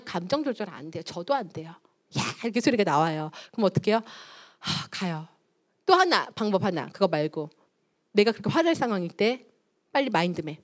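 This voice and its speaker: A woman lecturing on child development at a church, lively and animated, acting out little scenes between mothers and children. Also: medium pitch. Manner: animated, acts out mothers and children in quoted voices. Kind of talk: parenting lecture. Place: church hall.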